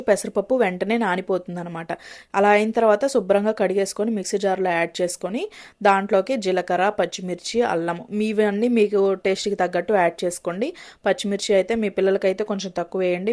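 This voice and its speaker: A woman's voice: mid-range voice, darkish tone. A young woman and mother talking through a home recipe in a casual, chatty way, often checking in with her viewers and mixing English cooking words into her speech.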